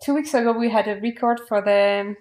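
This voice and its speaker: A woman hosts a relaxed podcast chat from her sofa at home. She talks in a bubbly way, laughs often, and her phrasing is slightly non-native. Her voice sits fairly high. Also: brisk, roomy sound. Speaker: podcast host. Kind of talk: casual chat. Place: living room at home.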